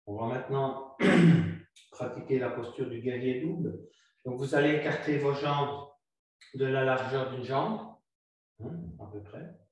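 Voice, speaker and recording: A man guiding a yoga flow class, calm and instructive, repeating his cues slowly. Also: medium pitch. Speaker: yoga teacher. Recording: very echoey room, voice far from mic.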